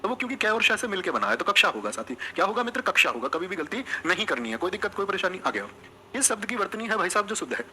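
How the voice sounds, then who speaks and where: A man's voice: high-pitched, very animated, rapid-fire, sharp tone, a little hiss or hum. A male teacher giving an exam coaching lesson, drilling students with repeated questions and answers and calling them friends and brothers. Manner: addresses listeners as friends and brothers. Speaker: Hindi teacher.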